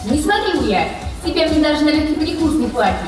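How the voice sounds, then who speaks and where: A woman playing a small, sardonic, excitable forgotten anime character in a parody skit. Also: sits high, fast talker. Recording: echoey hall, far off, music.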